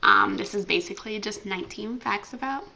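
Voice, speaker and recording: A woman's voice: mid-range voice, fairly quick, gravelly, sharp tone, low-quality recording. A young American woman vlogging casually at home, chatty and full of ums and likes. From United States. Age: young adult. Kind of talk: casual chat.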